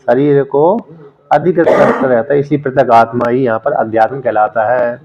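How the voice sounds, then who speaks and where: A man lecturing on a Sanskrit text, explaining terms and repeating words slowly to drill their pronunciation. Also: mid-range voice, gravelly, lo-fi sound. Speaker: Sanskrit scripture teacher.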